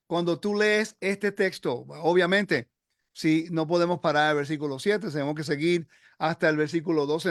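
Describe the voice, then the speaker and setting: A man's voice: fairly high pitch, dry recording, studio quality. A man hosting a religious discussion, talking earnestly and emphatically with many fillers and restarts.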